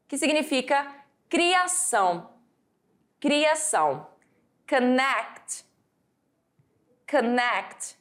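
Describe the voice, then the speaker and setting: A Brazilian woman teaching English vocabulary, slowly drilling words for students to repeat after her. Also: fairly high pitch. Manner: slow, drawn-out word drills for students to repeat. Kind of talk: recorded classroom lesson.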